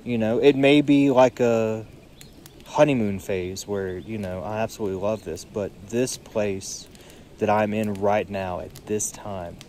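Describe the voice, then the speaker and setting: A tired young man musing aloud in a solo vlog, seated outdoors by a creek, filling his pauses with "you know". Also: on the low side, steady tone, darkish tone, a little hiss or hum. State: tired, yawning. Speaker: podcast vlogger. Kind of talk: reflective solo monologue. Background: faint creek water and birdsong.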